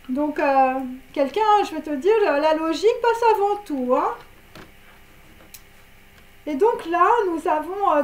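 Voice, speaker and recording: A woman's voice: high-pitched, echoey room. A woman giving a casual tarot reading, rambling with many fillers and tag words and giggling at her own jokes. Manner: rambling, heavy on fillers and tags. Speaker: tarot card reader.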